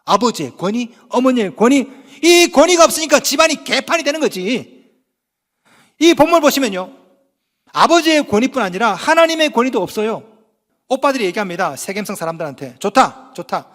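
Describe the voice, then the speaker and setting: A man's voice: extremely high pitch, big pitch swings, fairly quick, fairly bright tone, long reverb tail. A man preaching a sermon as pastor, emphatic and full of rhetorical questions, in a church sanctuary.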